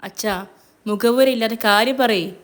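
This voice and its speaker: A woman voicing a distraught grown daughter who pleads loudly and emotionally with her parents, read as a spoken storybook. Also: on the high side, a little slow, natural voice. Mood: anxious.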